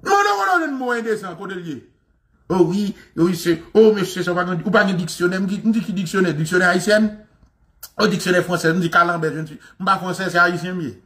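A Haitian man with a fairly high voice gives an impassioned commentary. He mocks, repeats himself and laughs as he goes, in a lively, hard-pushing delivery. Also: a little fast. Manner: animated, mocking, repetitive, laughing. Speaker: show host.

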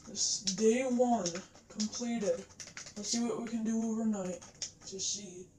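Her voice sits a little high and sounds mellow, unhurried, and fairly even as she gives relaxed commentary on her gameplay. The clip was shot on a camera in her living room, facing the TV. Expect roomy echo, some background noise, and clicking from the controller.

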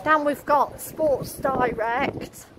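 A woman, chatting slowly as she points out shops on a walking tour, recorded outdoors on a camera mic. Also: high-pitched, steady tone. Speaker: vlogger. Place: outdoors on town streets. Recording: loud wind and traffic noise.

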